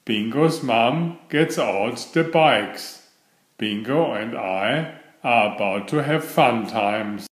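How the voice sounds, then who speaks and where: With a medium-pitched voice, a man brings a picture book to life in a lively, expressive reading for kids. The delivery is slow and measured, and the space has a noticeable echo.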